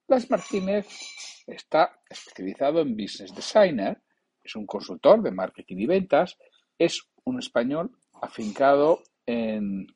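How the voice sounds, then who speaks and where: A man hosting a business podcast, introducing the show and interviewing a guest in a chatty, lively way. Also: a little high, husky. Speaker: podcast host.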